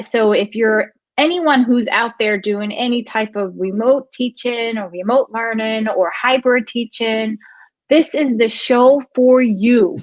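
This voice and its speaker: A woman's voice: fairly high pitch, dry recording, rough recording. Upbeat woman hosting a live talk show. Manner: upbeat, enthusiastic. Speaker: host. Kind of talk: live show intro chat.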